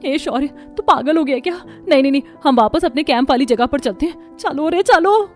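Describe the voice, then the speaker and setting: A woman voicing a frightened young woman camping with friends in a cartoon, excitable and anxious. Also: high voice, a little fast, soft background music. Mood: scared. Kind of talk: cartoon voice acting.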